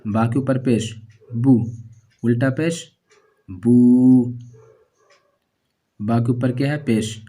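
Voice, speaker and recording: A man's voice: mid-range voice, dark tone. A man teaching Quran reading step by step. He is patient, repeats each sound, and draws out the syllables.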